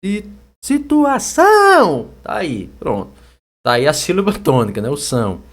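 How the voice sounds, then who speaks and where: A young Brazilian man teaching an exam-prep Portuguese lesson in a chatty, lively way, now and then shouting out words to show the stressed syllable. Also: medium pitch, normal speed, slightly rough.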